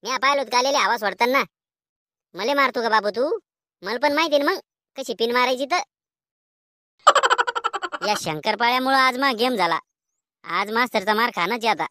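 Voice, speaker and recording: A woman's voice: on the high side, normal speed, long pauses, sharp tone, dry recording. A woman doing whiny bickering village schoolboys. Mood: exasperated, then sulky. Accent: Khandeshi Marathi. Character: cheeky quarrelsome village schoolboys. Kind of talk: cartoon voice acting.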